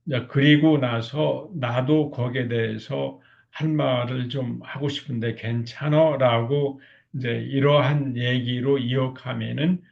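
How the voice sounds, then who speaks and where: A man's voice: medium pitch, steady tone, measured pace, creaky, muffled recording. A man lecturing on couples communication, often acting out spouses' lines and filling his talk with small fillers. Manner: acts out spouses' lines in quotes; frequent filler words.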